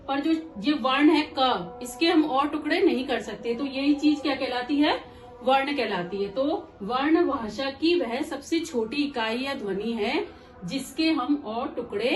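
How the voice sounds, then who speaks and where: Patient woman teacher, high voice, echoey room with faint background hum. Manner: patient, repeats and checks understanding. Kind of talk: explaining a grammar lesson.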